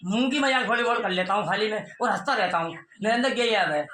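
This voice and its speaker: A man's voice: high-pitched, fast talker, sharp tone, reverberant, slight background noise. A man telling his side of a family dispute, heated and pleading, repeating his points. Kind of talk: emotional personal account.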